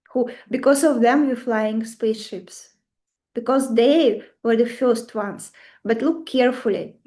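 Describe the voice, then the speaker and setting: A woman's voice: a little high, mellow. A woman with a Russian accent giving an informal astrology lecture, emphatic and conversational, often putting rhetorical questions to her listeners. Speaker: astrology teacher. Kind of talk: informal lecture to a live group.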